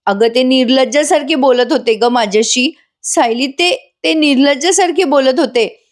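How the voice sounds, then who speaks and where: A sobbing middle-aged woman pours out her distress in a strained, raised voice. Her words come tearful and pleading, pushed higher than a calm voice. A woman narrator puts her on in a storybook-style retelling. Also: moderate pace. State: crying.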